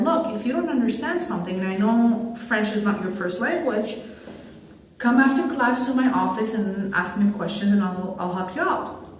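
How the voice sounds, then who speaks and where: A man's voice: sits high, slight background noise. A man from Syria telling his life story in an oral history interview. He speaks earnestly, with frequent fillers and restarts. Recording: echoey room, mic far off.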